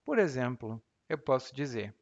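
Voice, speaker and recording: A man's voice: mid-range voice, sing-song, gravelly, lo-fi sound. Brazilian man teaching on a podcast. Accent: Brazilian Portuguese. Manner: patient, explains words slowly with examples. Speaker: language teacher and podcast host. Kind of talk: explanatory podcast lesson.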